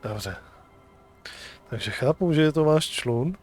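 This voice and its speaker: A man's voice: on the high side, lively intonation, slow, a little mellow, faint music behind. A man streaming a video game, reading dialogue choices aloud with casual commentary.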